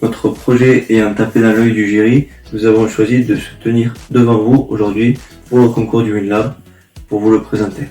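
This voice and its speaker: A young man with a mellow, warm tone reads a formal team introduction. He sounds distant from the mic in an echoing room. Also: on the low side, level tone, normal speed, soft background music. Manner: formal, scripted. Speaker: student presenter. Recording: roomy, off-mic.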